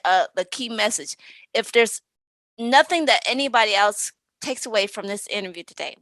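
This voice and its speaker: A woman's voice: a little high, sharp tone, dry recording. A woman hosting a casual interview podcast, affirming her guest as she wraps up. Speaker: podcast host.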